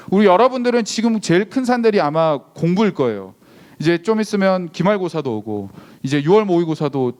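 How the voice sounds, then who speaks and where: A man preaching a sermon to high school students as their pastor, asking them questions and acting out the voices of the people in his story. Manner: animated, acts out quoted voices, asks the audience questions. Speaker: youth pastor.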